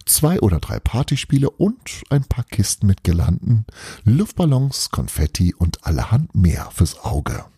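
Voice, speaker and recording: Husky, low-voiced man reading a story. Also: measured pace, no room sound, studio quality. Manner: lively, expressive reading.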